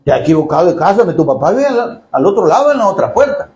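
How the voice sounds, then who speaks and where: A preacher acting out a gruff father who brushes off a neighbor's child, in a blunt, dismissive way, in an echoey hall. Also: sits high, big pitch swings, fast talker, warm tone, dull audio, pitched below the performer's own voice. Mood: scornful. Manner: brusque, dismissive. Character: gruff middle-aged father scolding a stray kid.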